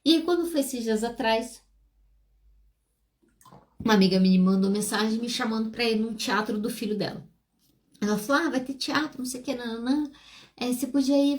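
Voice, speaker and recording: A woman's voice: on the high side, fairly quick. A Brazilian woman in her fifties, a psychologist hosting a podcast, explains emotions in a monologue and acts out short dialogues. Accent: Brazilian Portuguese.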